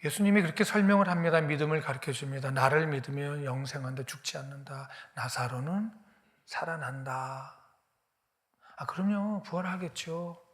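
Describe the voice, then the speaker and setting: A man's voice: medium pitch, brisk, a bit bright. A male pastor preaching a sermon, retelling the story dramatically and often dropping his voice to a whisper.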